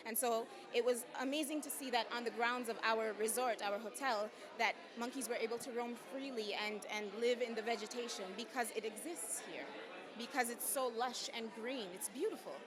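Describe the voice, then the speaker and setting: A woman pageant contestant from Jamaica and the United States, giving loud, polished and earnest answers in a media interview. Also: a little high. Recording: crowd chatter behind.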